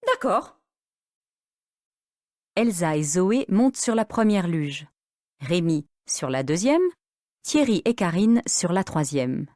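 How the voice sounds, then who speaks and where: A woman narrating a story for beginner language learners in a clear, expressive manner. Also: lowish voice, a little slow, no echo, studio quality.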